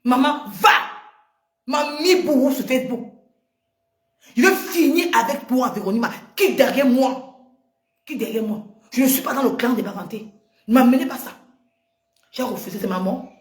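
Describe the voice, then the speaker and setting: A woman with a high voice rants heatedly on a livestream, confronting someone and hammering the same points again and again. Her voice rings around a roomy, echoey space. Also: normal speed, pauses often. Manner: heated, confrontational, repeats herself. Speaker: live streamer. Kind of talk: livestream rant. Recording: echoey room.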